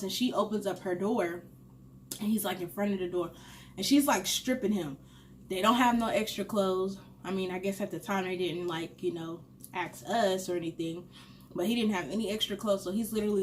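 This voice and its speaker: A young adult woman hosting a mukbang, casually telling a funny story while eating, animated and swearing freely. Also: mid-range voice, a little hiss or hum. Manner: candid and animated, swears freely, laughs at her own story. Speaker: mukbang host.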